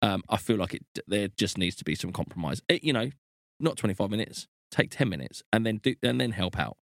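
A man's voice: lowish voice, expressive, fairly quick, vocal fry, a bit bright, no echo, studio quality. A young man co-hosting a podcast with his partner, easygoing and teasing. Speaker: podcast co-host. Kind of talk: casual chat.

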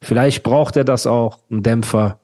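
A man co-hosting a podcast in casual chat, talking in an animated, slangy way and often calling his co-host "Bruder". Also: mid-range voice, moderate pace.

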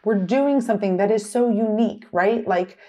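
A middle-aged woman being interviewed about her work, talking quickly with lots of "like" and "right?" tag questions. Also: medium pitch, warm tone. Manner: fast, filler-heavy, tag questions like "right?". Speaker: retail executive guest. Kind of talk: conversational interview.

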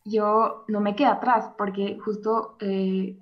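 A woman's voice: medium pitch, level tone, takes it slowly. Hesitant young Mexican woman, muffled sound. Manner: hesitant, many fillers and restarts. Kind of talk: personal confession to an advice host.

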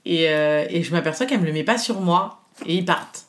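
A woman in her thirties tells a personal story in relaxed conversation. She talks in an animated way, with many fillers, and often slips into the voices of people she quotes. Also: fairly low pitch, brisk. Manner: animated storytelling, quoting others, frequent fillers. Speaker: guest telling her birth story. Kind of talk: casual chat.

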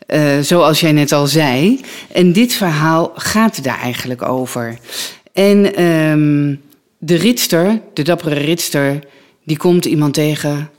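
An interviewer with a mid-range voice chats through a story retelling, pausing on fillers along the way. The tone is conversational and unhurried. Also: mid-range voice.

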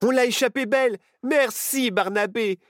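A man voicing an excitable young boy adventurer in a children's storybook, exclaiming a lot. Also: very high-pitched, takes it slowly, no room sound, clean studio sound, pitched above the performer's own voice, heavily acted. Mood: excited.

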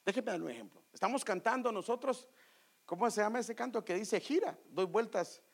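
A pastor giving an animated church teaching on worship, asking the congregation rhetorical questions and breaking into short bits of worship songs. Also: medium pitch, fast, vocal fry, husky.

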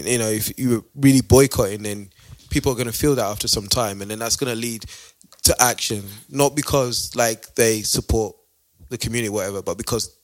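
A young man giving opinions in casual chat, haltingly, repeating words and often saying like. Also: mid-range voice. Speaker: podcast co-host.

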